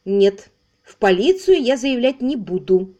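A woman voicing a shaken but firm heiress in an audiobook, speaking in a mellow, measured way. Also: fairly high pitch, big pitch swings, dull audio.

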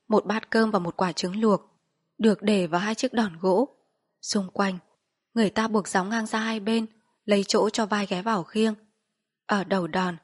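A woman narrating a novel as an audiobook, reading in a steady, even storytelling way. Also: mid-range voice, breathy edge.

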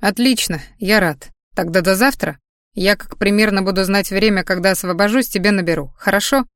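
A woman voicing a calm adult man who soothes and teases his young girlfriend in an audiobook. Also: mid-range voice, brisk, dry recording, studio quality, close to an everyday voice. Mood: soothing. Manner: soothing and teasing. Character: calm grown man, tender boyfriend.

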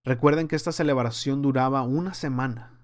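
A man's voice: medium pitch, brisk. A man teaching a verse-by-verse Bible study, earnest and conversational, warning his listeners in a preaching tone. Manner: acts out scenes in lively voices.

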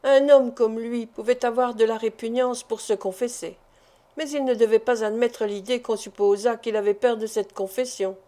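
A woman narrates a classic novel in an audiobook with measured, even storytelling. Her voice sits fairly high and sounds mellow and warm.

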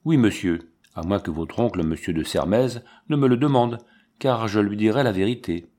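A man's voice: lowish voice, normal speed, mellow, lightly acted. A man reading the part of a loyal, discreet old family servant, earnest and respectful, for an audiobook. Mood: devoted.

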